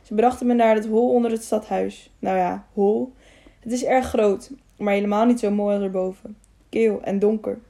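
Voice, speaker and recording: A woman's voice: medium pitch, fairly even intonation, normal speed, dark tone, natural voice. A woman reading the part of a clever, modest young man who tells things in a chatty, plain way. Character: cheerful, clever, modest young male friend.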